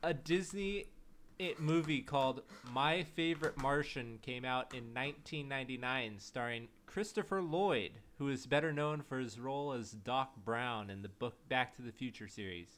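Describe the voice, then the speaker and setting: A man co-hosting a casual podcast, easygoing in chat and soft-spoken when reading trivia. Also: medium pitch, moderate pace. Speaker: podcast co-host.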